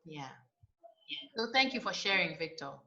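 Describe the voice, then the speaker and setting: A woman lectures to a class in a clear, explanatory manner, often closing points with a quick "right?". Her voice is bright and forceful. The recording is dull and lo-fi, with a roomy echo from the lecture hall. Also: on the low side, very animated. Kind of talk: university lecture. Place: lecture room. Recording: echoey room, dull lo-fi sound.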